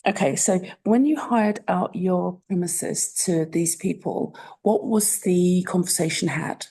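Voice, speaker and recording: Gravelly woman chairing a meeting. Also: fairly low pitch, warm tone, poor audio. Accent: London English. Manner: brisk, direct. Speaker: committee chair. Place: council meeting room.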